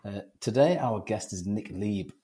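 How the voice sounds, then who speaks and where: A man's voice: lowish voice, expressive, a little slow, warm tone. A man hosting a podcast, chatting informally as he introduces and interviews a guest. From North East England. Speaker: podcast host.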